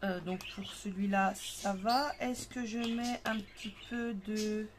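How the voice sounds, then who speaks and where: A woman talks through her craft steps in a relaxed, rambling way, full of little fillers. Her voice sits at an ordinary pitch. The home recording carries clear background noise with birds chirping. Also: slow pace. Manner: chatty, thinks aloud with many fillers. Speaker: craft tutorial host. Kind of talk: casual craft demonstration. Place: home craft table with parakeets and kids nearby.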